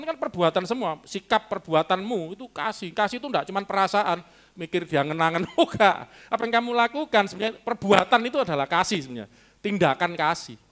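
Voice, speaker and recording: High-voiced pastor, animated preaching. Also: male voice. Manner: animated preaching, rising to emphatic peaks, mixing in Javanese words and chuckles. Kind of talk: sermon. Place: church sanctuary.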